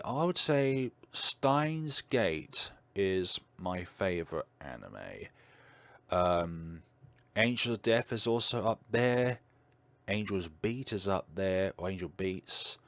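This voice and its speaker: A man with a deep voice, chatting casually on a livestream with lots of fillers and a slight stutter. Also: no room sound. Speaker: streamer.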